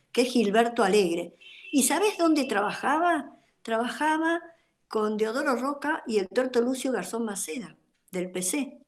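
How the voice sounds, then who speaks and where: An older woman with an Argentine accent giving a personal testimony in an online talk, telling her story in a rambling way with many fillers. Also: medium pitch. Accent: Argentine Spanish. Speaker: guest speaker, former activist.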